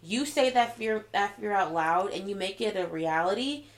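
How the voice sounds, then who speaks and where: A woman's voice: mid-range voice, animated, moderate pace. A woman co-hosting a podcast in casual chat, blunt and swearing freely, often restarting her sentences. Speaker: podcast co-host.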